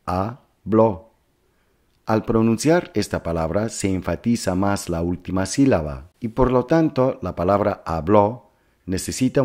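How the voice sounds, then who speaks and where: A male Spanish teacher in a scripted lesson, explaining slowly and carefully and breaking words into syllables, fond of his students. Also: low-pitched, darkish tone. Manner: affectionate toward students.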